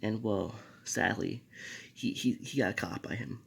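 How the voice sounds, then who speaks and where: A man's voice: fairly low pitch, measured pace, gravelly, slightly rough. A young man casually narrating a fan-made anime story, rambling with fillers and restarts.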